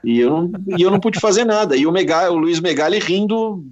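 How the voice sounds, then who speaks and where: A Brazilian sports journalist, a man, telling an animated anecdote in a casual interview, quoting voices along the way. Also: high voice, fast talker. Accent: Brazilian Portuguese. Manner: animated anecdote with quoted voices, many restarts. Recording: slightly dull lo-fi audio.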